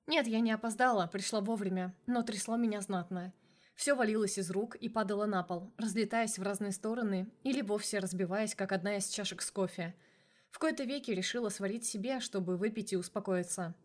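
A woman narrates a first-person novel, her voice sitting at a middle pitch. She tells the story in an even, steady storytelling manner. It is a calm audiobook reading. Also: brisk.

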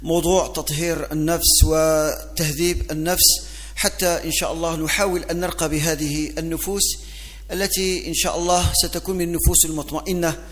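A man's voice: fairly high pitch, flat delivery, fairly quick, soft background music. Formal Standard Arabic preacher, man in echoing hall. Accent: North African. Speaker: mosque preacher. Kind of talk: religious lesson opening with invocations. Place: large mosque hall. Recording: long hall reverb.

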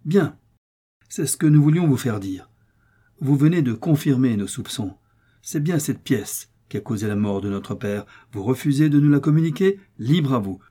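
A man's voice: mid-range voice, animated, moderate pace, dark tone, slightly rough. A man reading an audiobook voices a grieving young man who insistently presses an older lawyer. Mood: accusing.

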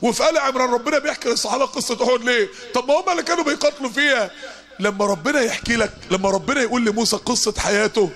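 A man with an Egyptian Arabic accent delivers an impassioned sermon at a quick clip. His voice sits very high for a man, and he drives his points home with emphatic force. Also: vocal fry, a bit bright. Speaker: preacher.

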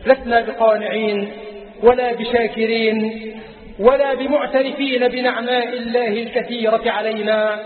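A man's voice: very high voice, fairly even intonation, moderate pace. A man with an Egyptian accent preaching an impassioned Friday sermon in a mosque, chanting and repeating phrases. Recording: echoey hall, tinny lo-fi.

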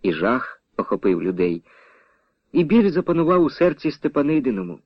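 A man narrating a literary story in a measured, expressive reading. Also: medium pitch, dry recording. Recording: dull, dry old radio recording.

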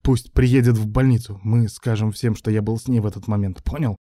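A man voicing a proud male surgeon in pain, barking hoarse, strained orders. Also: lowish voice, steady tone, brisk, dark tone, dry recording, studio quality, lightly acted. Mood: hissing.

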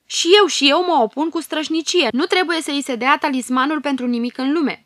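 A woman's voice: high-pitched, fairly bright tone, no echo, clean studio sound, pitched above the performer's own voice. A woman voicing a fiery, hot-tempered female lion fairy in a storybook reading, speaking vehemently.

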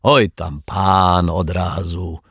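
A man voicing a coarse, overly friendly male crook with a raspy chuckle and slangy talk, in a storybook. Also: on the low side, lively intonation, slow pace, no echo, studio quality, voice pushed up, exaggerated voice. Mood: jovial. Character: coarse cheerful male small-time crook.

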